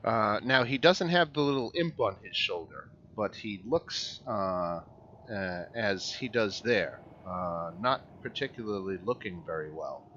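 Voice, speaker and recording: A man narrating a tabletop game as game master, halting and pausing often. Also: lowish voice, expressive, sharp tone. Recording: slightly muffled, faint room noise.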